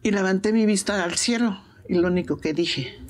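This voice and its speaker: In a prison setting, an older woman with a Mexican accent gives an emotional interview, speaking plainly and insistently and repeating herself for emphasis. Her voice is mid-range and her pace normal.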